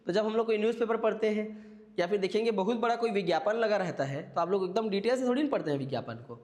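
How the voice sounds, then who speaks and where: A man's voice: high-pitched, quick pace, darkish tone, in a large hall. A man teaching an exam-prep class, explaining step by step and checking in with his listeners. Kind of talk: classroom lecture.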